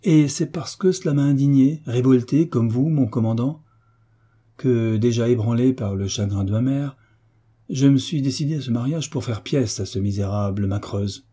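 A man's voice: medium pitch, moderate pace, dark tone, husky, close to an everyday voice. A man reading as a troubled young duke. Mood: earnest. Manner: hesitant, earnest.

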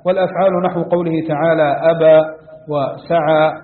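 A man reading a classical text aloud for his teacher, in a steady, even recital. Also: fairly high pitch, brisk, a little hiss or hum. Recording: tinny phone-like audio, echoey hall.

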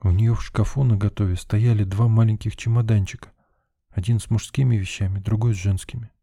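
A man reading an audiobook, voicing a timid, easily frightened young woman in a soft, anxious, raised voice. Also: fairly even intonation, a little fast, creaky, husky, no echo, clean studio sound. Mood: sad. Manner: soft, anxious, higher put-on voice. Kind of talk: audiobook character voice.

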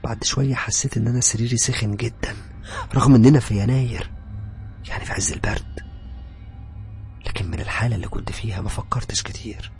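A man with an Egyptian Arabic accent, dramatically narrating a horror story in a hushed, breathy voice that swells into loud cries. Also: mid-range voice, fast talker, pauses often, faint music behind.

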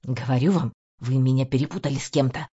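A woman voicing a weary middle-aged male ex-detective who grumbles through his teeth in a lowered voice. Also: quick pace, mellow, breathy edge, exaggerated voice. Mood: gruff, weary. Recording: dull lo-fi audio.

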